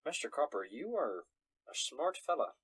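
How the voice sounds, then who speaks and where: A man's voice: on the high side, very animated, normal speed, fairly bright tone, husky, dry recording. A man acting as game master, narrating a tabletop role-playing game in a casual, conversational style.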